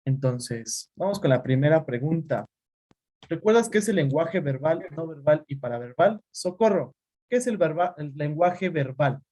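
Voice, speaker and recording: A man's voice: a little high, lively intonation, normal speed, mellow. A man teaching a class over a video call, calling on students by name and explaining with examples. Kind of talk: online class lecture.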